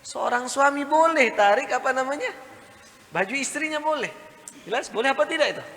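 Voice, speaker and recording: Male preacher with a high, sharp voice, animated storyteller who quizzes the crowd, long hall echo. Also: brisk. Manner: quizzes listeners with repeated check questions; animated, acts out quoted speech. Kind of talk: storytelling religious lesson.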